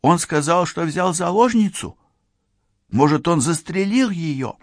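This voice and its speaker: A man's voice: fairly high pitch, lively intonation, a little slow, dry recording, studio quality, voice pushed up. A man voicing a shaken female police partner who speaks with a trembling, pleading voice. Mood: anxious.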